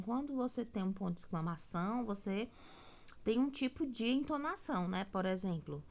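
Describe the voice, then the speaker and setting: A woman, teaching a recorded grammar lesson, explaining step by step and often checking in with her students. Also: medium pitch.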